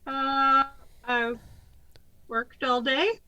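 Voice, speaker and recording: A woman joining a podcast over a video call, her voice hoarse from a recent illness, talking slowly and laughing along with the teasing. Her tone is bright and slightly high, and the sound is dry. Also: steady tone, no room sound, lo-fi sound, soft background music. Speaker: guest co-host.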